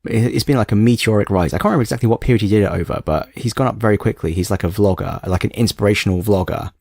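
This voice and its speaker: A man's voice: on the low side, racing, creaky, a little mellow, breathy edge, dry recording, clean studio sound. A young man co-hosting a podcast in casual chat, playful and self-mocking with a snarky streak. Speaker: podcast co-host.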